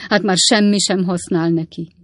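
A woman's voice: lowish voice, steady tone, no echo, clean studio sound, natural voice. A woman voicing a tearful, melodramatic middle-aged stepmother. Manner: melodramatic, whining.

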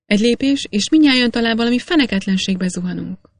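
A woman reading aloud, voicing a boastful, excitable old male master miner in a storybook. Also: on the high side, dry recording. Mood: eager. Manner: boastful, insistent.

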